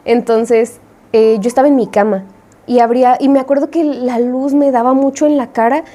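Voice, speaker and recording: A young woman with a Mexican accent tells a story in casual slang, acting out her own reactions as she goes. Her voice sits fairly high but sounds soft and mellow. She speaks as an indie game developer talking straight to her viewers. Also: fairly even intonation, normal speed. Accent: Mexican Spanish.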